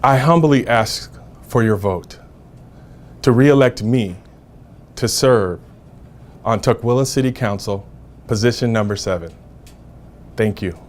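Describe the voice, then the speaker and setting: A man, a city council member seeking re-election, giving a deliberate campaign statement in short phrases. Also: lowish voice.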